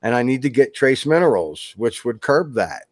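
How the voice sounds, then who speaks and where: A man's voice: medium pitch, sing-song, moderate pace, no echo, studio quality. A man being interviewed as a guest author, talking in a loose, rambling way with many restarts. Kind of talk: casual interview chat.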